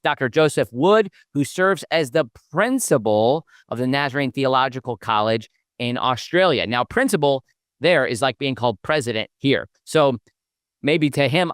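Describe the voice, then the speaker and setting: A man's voice: medium pitch, a bit bright, no echo, studio quality. A man hosting a podcast interview, talking in an upbeat, promotional way. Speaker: podcast host.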